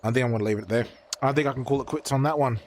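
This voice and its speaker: A man streaming casual chat while painting, swearing freely and prone to excited outbursts. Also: mid-range voice, rapid-fire, slight background noise.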